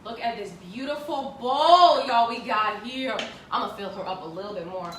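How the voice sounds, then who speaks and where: A woman's voice: a little high, normal speed, a bit bright, roomy sound, a little hiss or hum. A woman hosting a live cooking class from her home kitchen, chatty and exuberant, calling her viewers y'all. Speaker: cooking show host.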